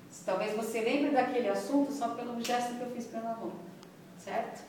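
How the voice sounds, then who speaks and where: A woman's voice: fairly high pitch, a little fast, darkish tone, a little hiss or hum. A woman teaching a classroom lesson in a conversational way, often checking in with her listeners. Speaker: instructor. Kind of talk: classroom lecture. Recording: echoey room, far from mic.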